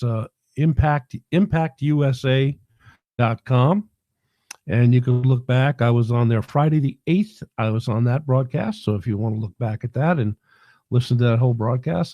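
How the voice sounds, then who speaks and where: A man's voice: medium pitch, dry recording, lo-fi sound. A middle-aged man from New York with a New York accent, hosting a casual livestream while getting over a head cold in his throat, rambling with many fillers and restarts. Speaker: livestream host and minister.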